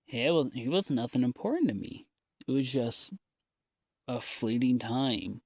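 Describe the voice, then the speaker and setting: A man records a personal audio diary, speaking slowly and haltingly with long pauses between thoughts. His mid-range, darkish voice has lively intonation, yet the mood is downbeat and folksy as he rambles confessionally. The recording is dry, with no room sound at all.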